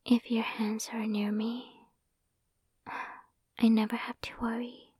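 Young woman, breathy whisper, sweet and affectionate, slow, close mic, dry sound. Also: on the high side, flat delivery, no room sound. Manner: soft intimate whisper. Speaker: ASMR performer. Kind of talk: ASMR roleplay. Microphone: close sensitive microphone.

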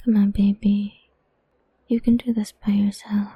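A young woman whispering softly and teasingly in an intimate audio roleplay, humming between lines, close to the mic. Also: medium pitch, flat delivery, unhurried, husky, no echo. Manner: soft teasing whisper, murmured hums.

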